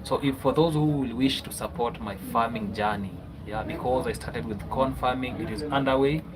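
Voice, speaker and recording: A man's voice: medium pitch, normal speed, crowd noise, rough recording. A man with a Kenyan accent hosting a casual livestream, chatty, often ending phrases with a questioning "yeah?". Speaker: livestream host.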